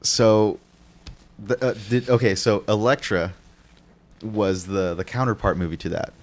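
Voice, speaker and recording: A man's voice: fairly low pitch, steady tone, measured pace. A man co-hosting a podcast, chatting casually about movies with lots of fillers and restarts. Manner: rambling, many restarts and fillers. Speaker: podcast co-host.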